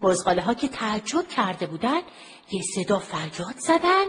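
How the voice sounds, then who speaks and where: Lively woman telling a children's story. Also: mid-range voice, heavy background noise. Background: music.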